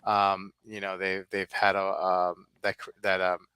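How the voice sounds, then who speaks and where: A man's voice: sits low, completely flat delivery, unhurried, pushed and bright, clean tone, no echo. A man in his fifties co-hosting a casual livestream chat, talking loosely with plenty of fillers and tag questions. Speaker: livestream co-host.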